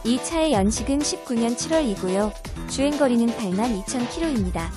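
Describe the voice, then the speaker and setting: High-voiced woman narrating over music. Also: expressive, a little fast. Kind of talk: scripted car specification narration.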